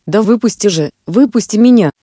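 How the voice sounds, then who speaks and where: A woman voicing a boastful, threatening male spirit from a bottle in a read-aloud fairy tale, with a mellow tone in a dry, close recording. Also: medium pitch, lively intonation, brisk, slightly rough, dry recording. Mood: pleading. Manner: threatening, later pleading.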